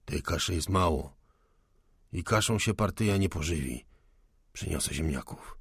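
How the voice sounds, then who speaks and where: A man's voice: low voice, expressive, moderate pace, husky, no echo, clean studio sound, heavily acted. A man doing a stubborn old peasant servant. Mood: stubborn grumbling. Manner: blunt, grumbling, folksy speech.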